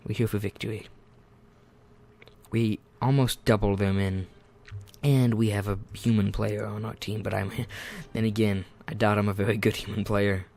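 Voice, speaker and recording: Male gaming host, casual let's-play chatter, rambling, self-deprecating, low and gravelly delivery. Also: little pitch movement, moderate pace, a little mellow. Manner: rambling and self-deprecating, often muttering asides.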